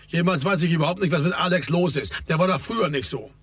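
A man's voice: a little high, fast, fairly bright tone, voice pushed up. A man doing a worked-up grumbling club organizer. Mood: agitated. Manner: worked-up, complaining.

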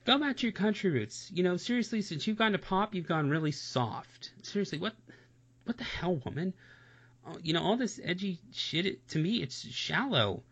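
A man's voice: sits high, animated, moderate pace, a bit bright. A man in a casual reaction chat, talking bluntly and swearing, often repeating "seriously" and "honestly.". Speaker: music reaction co-host. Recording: dull lo-fi sound.

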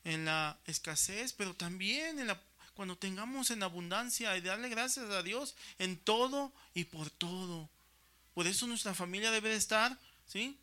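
A man's voice: high-pitched, measured pace, sharp tone. An older man with a Mexican Spanish accent preaching a sermon in a conversational way, often checking in with his listeners. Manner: conversational, constant tag questions.

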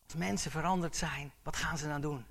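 Bright-voiced man preaching with fervor. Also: fairly high pitch, steady tone, a little fast, creaky, slightly rough. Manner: emphatic, building to urgent exhortation; asks the congregation questions. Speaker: pastor. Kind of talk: sermon.

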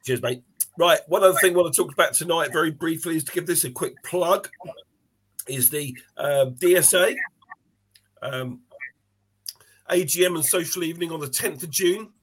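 A man's voice: on the high side, normal speed, pauses often, a bit bright, slightly rough, rough recording. A man hosting a fan podcast in a friendly, chatty way, losing his voice a little. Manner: friendly, chatty, many fillers. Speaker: podcast host. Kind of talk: casual podcast chat.

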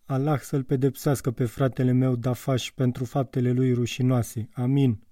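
A man's voice: medium pitch, little pitch movement, mellow, no room sound, clean studio sound, recorded from a distance, close to an everyday voice. A man reading an audiobook, voicing a stern, pious husband who scolds harshly. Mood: scolding.

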